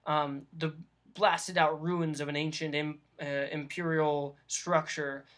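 Brief: male vlog host, light higher voice, loose unscripted talk full of fillers, camera mic. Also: flat delivery, slow, a bit bright. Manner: rambling, many ums and restarts. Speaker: vlog host giving dungeon master advice. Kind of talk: casual unscripted explanation.

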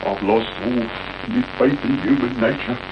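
An actor playing an indignant, simple-minded police inspector, blustering in a 1980s radio drama. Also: male voice, mid-range voice, unhurried, natural voice. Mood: wounded indignation. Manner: aggrieved, blustering. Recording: muffled, hissy old radio broadcast recording.

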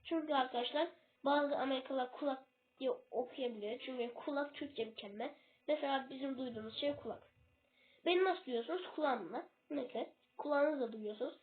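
A woman's voice: high-pitched, a little fast. A woman giving a casual English lesson in a video, hesitant and often losing her place before correcting herself. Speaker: self-made English tutor. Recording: tinny phone-like recording.

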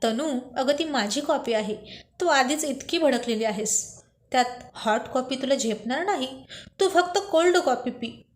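A woman reading a teasing young boss, high and light. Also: expressive. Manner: playful, coaxing lines read slowly. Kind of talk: storybook reading.

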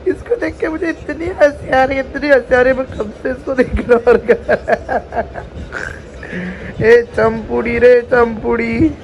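A woman's voice: high voice, a little fast, few pauses, highs cut off, a little hiss or hum. A woman chatting casually to her viewers at home, teasing and giggling as she talks. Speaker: vlogger, co-host. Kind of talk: casual home vlog chat. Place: home, indoors.

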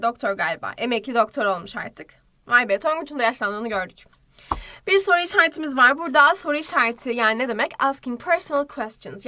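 A woman's voice: a little high, pushed and bright, no echo. A woman teacher giving an online school lesson, chatting to pupils as she writes on a board. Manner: chatty, addresses pupils directly, drawing on a board.

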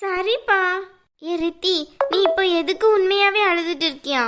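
A woman's voice: very high-pitched, normal speed, noisy background. A woman voicing a cheeky young schoolboy in a cartoon who talks bluntly to his little sister. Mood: helpful. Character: cheeky young schoolboy, bossy older brother. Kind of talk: cartoon voice acting.

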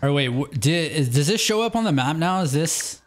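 A man's voice: fairly high pitch, normal speed, a little hiss or hum. A young man casually commenting on his own gameplay, thinking aloud and calling out "dude" as he plays. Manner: excitable, says dude a lot, thinks aloud. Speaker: let's play gamer.

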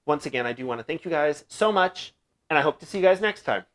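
A man's voice: a little high, lively intonation, fast, a bit bright. A young man hosting a casual DIY pet-care vlog from a small room at home, explaining things in a friendly way with lots of "uh" fillers, on a lapel mic. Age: young adult. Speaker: bird-keeping channel host. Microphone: lapel mic, seated facing camera.

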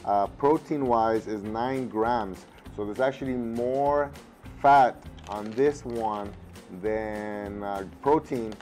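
In a casual home taste-test vlog, a thirtysomething food reviewer sits at a table indoors, lapel mic on, faint music playing. His lowish, slightly mellow voice is slow and husky because he lost it the day before. He's easygoing, fills his thinking-aloud with fillers, and switches to Spanish for his kids.

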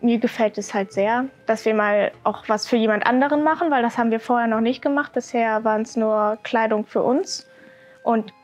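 Excited young woman student. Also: fairly high pitch, moderate pace, soft background music. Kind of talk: interview statement.

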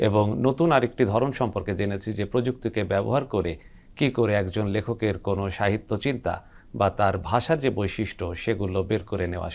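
A man hosting an educational language program, asking formal, measured questions. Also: on the low side, creaky, darkish tone. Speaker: TV program host.

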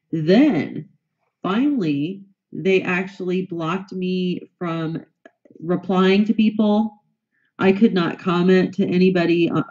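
In dull audio, a woman with a lowish, darkish voice gives interview answers as a guest. She's a news reporter with a bad cold, indignantly repeating her aggrieved complaints.

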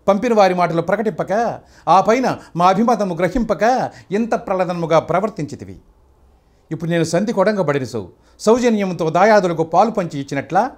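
An older man voicing a proud, defiant king of an epic, reciting a grand court speech in a classical stage manner. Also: high-pitched. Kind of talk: stage-style mythological dialogue recital.

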